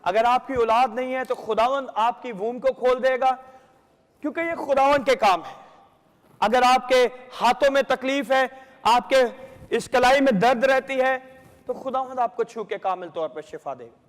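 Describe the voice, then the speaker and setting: A male pastor preaching a sermon, breaking his phrases with long pauses and at times praying fast in tongues. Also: extremely high pitch. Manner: fast rhythmic speaking in tongues. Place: large church hall. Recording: long hall reverb.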